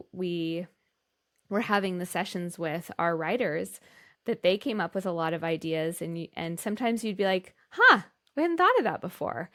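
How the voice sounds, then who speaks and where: Her voice is fairly low and fairly bright as she co-hosts a podcast, keeping the conversational discussion casual, enthusiastic and effusive.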